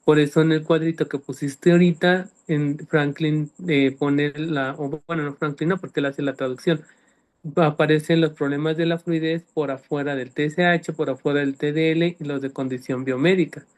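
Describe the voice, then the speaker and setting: A man's voice: on the high side, steady tone, moderate pace. A man, a speech-language specialist, explaining clinical terms in a panel talk and often checking that listeners follow. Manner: didactic, checks understanding with "¿sí me explico?".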